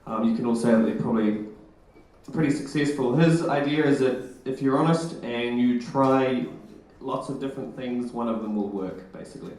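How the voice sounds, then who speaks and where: A man's voice: mid-range voice, normal speed, a little mellow. A young man gives a comic, self-deprecating talk on stage at a live event, heard through an echoey hall. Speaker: presenter.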